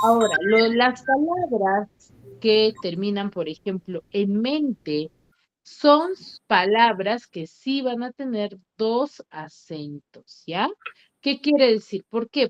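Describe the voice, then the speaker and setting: A woman teacher runs an online lesson at an unhurried pace, her somewhat high voice drawing out syllables and firing short questions at pupils. The call audio is a little dull and muffled. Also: no echo. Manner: quizzing, stretching out syllables for emphasis. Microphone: computer mic on a video call.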